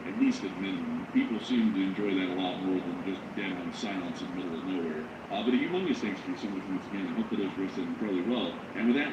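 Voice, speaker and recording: A man hosts a livestream in a big, lowish sportscaster voice. He talks very fast and nonstop, filling every gap like a radio announcer. The sound is roomy, with clear noise behind him. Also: highs cut off. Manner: talks nonstop, avoiding dead air. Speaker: live news stream host. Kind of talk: livestream reading and thanking supporter messages.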